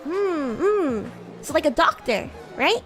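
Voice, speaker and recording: This woman's voice is high and very animated yet slow-paced, with faint music behind. As a VTuber in character, she streams an improvised roleplay as a teasing, giggly demon schoolgirl, treating the listener as a human.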